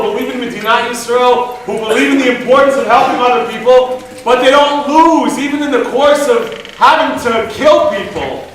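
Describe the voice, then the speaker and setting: A man's voice: extremely high pitch, fairly bright tone, slight background noise. A man hosting a school assembly, speaking earnestly and emphatically with rhetorical questions, in a large school hall. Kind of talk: assembly address. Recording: echoey hall, voice from far off.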